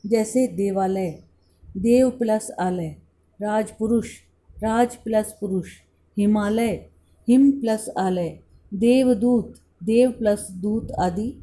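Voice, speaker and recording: A woman college lecturer from India giving a scripted lesson, spelling out letters one by one in a slow, deliberate way. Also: medium pitch, warm tone.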